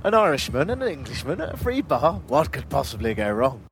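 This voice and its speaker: A man's voice: mid-range voice, big pitch swings, a little fast, vocal fry, background noise. A man hosting a travel vlog outdoors on a river boat, speaking in a dry, self-deprecating, joking way. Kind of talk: casual travel chat.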